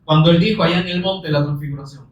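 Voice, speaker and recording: A man preaching a sermon earnestly, asking many rhetorical questions and quoting scripture slowly and with emphasis. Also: fairly high pitch, highs cut off. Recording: roomy echo, distant mic.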